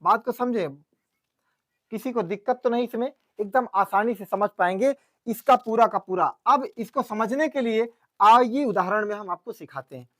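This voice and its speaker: A man's voice: high voice, normal speed, a bit bright, dry recording. A man teaching a grammar class, explaining step by step and often checking that his students follow. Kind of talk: classroom lecture.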